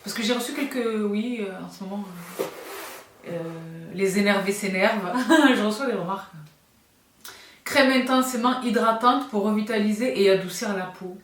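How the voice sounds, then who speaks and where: A woman's voice: medium pitch, normal speed, recorded from a distance. Chatty woman vlogger in a roomy space. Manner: chatty, effusive, laughs often. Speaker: beauty vlogger. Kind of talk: casual product review chat.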